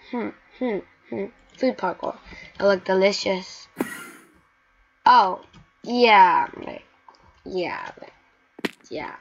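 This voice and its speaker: A woman giving live gameplay commentary, excitable and talking to herself, chanting the same words over and over. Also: medium pitch. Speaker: gaming channel host. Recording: dull lo-fi mic with faint hiss.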